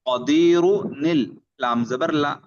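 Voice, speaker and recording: A man whose voice sits a little high teaches Quran reading online, working through letters and vowel marks syllable by syllable. He speaks slowly and deliberately, now and then stopping to give a quick rule explanation, on a muffled, lo-fi recording.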